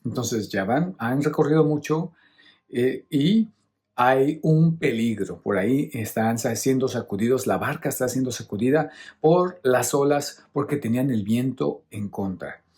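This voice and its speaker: A middle-aged priest with a medium-pitched, darkish voice preaches a homily on a Bible reading at a measured pace. In a teacherly way, he explains each point patiently and keeps checking in with his listeners.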